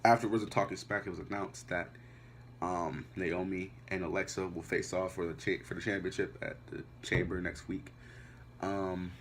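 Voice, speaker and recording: A man's voice: low-pitched, a little hiss or hum. A man giving a casual, blunt and profane recap of a wrestling show as a reviewer.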